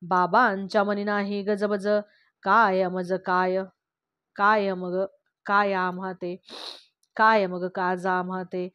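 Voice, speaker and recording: Woman reciting devotional verse, slow and even. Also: mid-range voice, no echo. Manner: steady, measured recitation. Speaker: reader of a devotional text. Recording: slightly dull, dry lo-fi recording.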